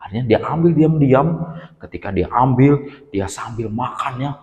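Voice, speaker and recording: A man telling a story to children in an animated way, often addressing the kids directly. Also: medium pitch, moderate pace, lo-fi sound. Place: church hall. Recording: echoey hall.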